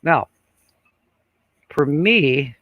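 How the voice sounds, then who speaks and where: Reading out comments from viewers, this older live-stream host rambles and chuckles through lots of fillers in a relaxed way. He speaks a little high, expressively, drawing his words out. There is no echo, though the audio is dull and lo-fi.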